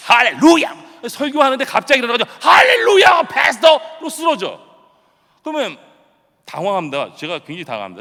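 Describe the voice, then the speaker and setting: A middle-aged man preaching a dawn revival sermon, telling stories in a chatty, self-deprecating way and bursting into sudden loud shouts. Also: fairly high pitch, creaky. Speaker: pastor. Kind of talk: early-morning revival sermon. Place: church sanctuary. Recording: long church-hall reverb.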